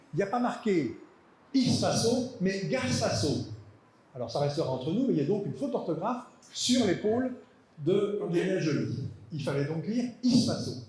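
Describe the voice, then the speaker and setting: Guy giving a lecture, fairly high voice, stumbles and repeats words a lot, echoey hall sound. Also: darkish tone. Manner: hesitant, repeats words, dry asides. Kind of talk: academic lecture.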